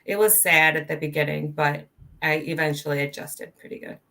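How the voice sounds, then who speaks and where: Soft-spoken Colombian-born woman guest, bright tone. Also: low-pitched, steady tone, normal speed, vocal fry. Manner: soft-spoken, earnest, many ums. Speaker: podcast guest. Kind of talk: casual interview.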